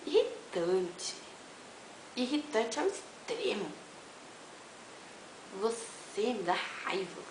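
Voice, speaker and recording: A young woman from Fortaleza, teasing a friend in a video message, dropping to mutters and jumping to loud squeals. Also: medium pitch, reverberant, background noise. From Fortaleza, Brazil. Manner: mock-insulting and playful, swings between mutters and loud squeals.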